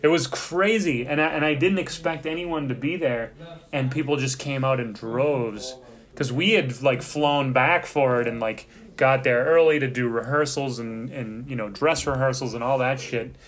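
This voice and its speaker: A man's voice: medium pitch, moderate pace, fairly bright tone. A man in casual chat who rambles and swears freely while recalling a show.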